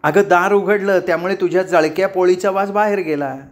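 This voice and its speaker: Man putting on a young woman student, excitable, loud, raised pitch, storybook telling. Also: natural voice. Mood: shouting, exasperated. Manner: loud, quick, exasperated.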